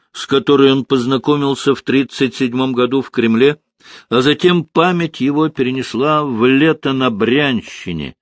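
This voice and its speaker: A man reading a novel aloud as an audiobook narrator, in a measured, expressive style. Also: medium pitch, no room sound. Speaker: audiobook reader. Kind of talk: scripted narration.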